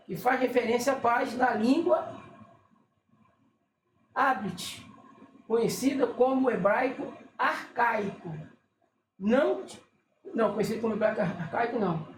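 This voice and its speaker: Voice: medium pitch, a little slow, pauses often. A religious teacher, explaining casually while reading from a list, often checking in with the listener and stopping to correct themself. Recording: echoey room with faint noise.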